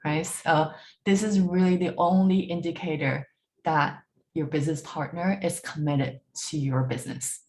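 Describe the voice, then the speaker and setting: A woman leads a business workshop, her voice sitting a little low. She talks through slides with frequent fillers and restarts, checking in with listeners by asking "right?". A faint noise runs under the recording. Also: steady tone, normal speed, darkish tone. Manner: frequent fillers and restarts, repeats words while searching; ends points with a questioning "right?". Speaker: workshop speaker. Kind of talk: presentation to a bootcamp. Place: online talk.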